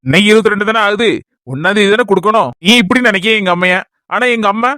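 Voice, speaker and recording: A man's voice: high-pitched, bright, forceful tone, dry recording, clean studio sound. A man with a Kanyakumari Tamil accent playing a talkative, aggrieved husband in a comedy skit, complaining about his family. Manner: rapid, complaining rant.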